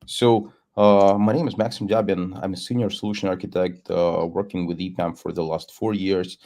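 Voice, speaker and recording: A man gives a webinar presentation as a solution architect over a video call, speaking in a measured way and repeating words as he thinks. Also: deep voice, flat delivery, warm tone.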